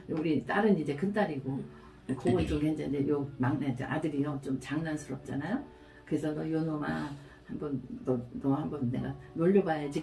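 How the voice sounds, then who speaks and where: A middle-aged woman pastor delivering a sermon, telling stories with animated, acted-out quotes. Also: mid-range voice. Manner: storytelling, animated, acts out quotes. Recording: roomy, from a distance, faint music.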